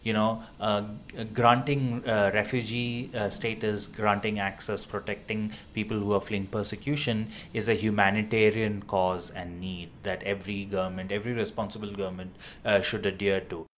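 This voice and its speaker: A man answering in an interview, earnest and halting with many fillers. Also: fairly low pitch, little pitch movement, fairly bright tone, slight background noise. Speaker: interviewee, advocate.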